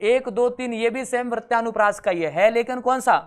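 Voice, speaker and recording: Smooth-voiced male teacher. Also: very high voice. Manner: explains patiently, reads verse examples slowly. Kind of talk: classroom lesson.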